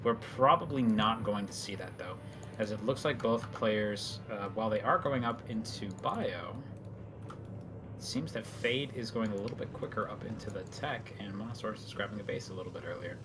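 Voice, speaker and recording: Low-voiced male esports caster. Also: moderate pace, noisy background. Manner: chatty, explanatory. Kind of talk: live game commentary.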